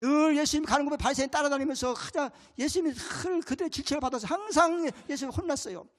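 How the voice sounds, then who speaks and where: A man's voice: very high-pitched, fast talker, long reverb tail. A male pastor delivering a sermon in an emphatic way, putting rhetorical questions to his congregation.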